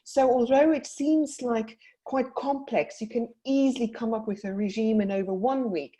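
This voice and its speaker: Over a computer mic, a paediatric dietitian with a South African accent presents a webinar for parents. Her fairly high, mellow voice explains and advises in a brisk manner.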